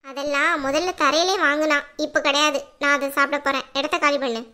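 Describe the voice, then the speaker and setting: A fierce, fed-up young wife in a cartoon, voiced by a woman. She talks back sharply with a sarcastic edge, in a very high, bright voice. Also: fairly even intonation, brisk. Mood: defiant. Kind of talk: cartoon voice acting.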